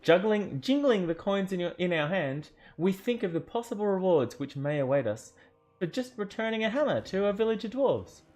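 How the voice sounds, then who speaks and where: A man's voice: sits high, sing-song, moderate pace, darkish tone. A man narrating an interactive fantasy adventure book aloud, theatrical, with joking asides and self-corrections. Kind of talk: dramatic storybook narration.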